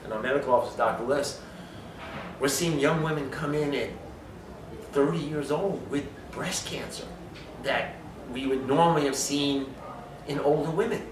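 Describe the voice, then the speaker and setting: A man's voice: fairly high pitch, moderate pace, pauses often, noisy background. A man giving an emphatic health talk, lecturing and asking rhetorical questions. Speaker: speaker on supplementation. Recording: echoey room from far off.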